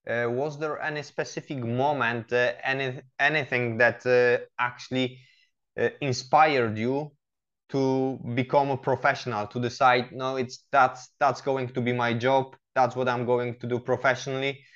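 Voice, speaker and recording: A man hosting a podcast interview, asking halting questions full of hesitations. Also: medium pitch, flat delivery, a bit bright. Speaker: podcast host and coach. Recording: slightly dull lo-fi audio.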